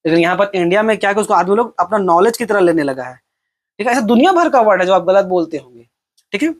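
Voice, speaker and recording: A man's voice: high-pitched, lively intonation, quick pace. A young man leads an exam-prep lesson in an easy, conversational voice. He keeps asking questions aloud and then answers them himself. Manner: conversational, asks and answers his own questions. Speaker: teacher.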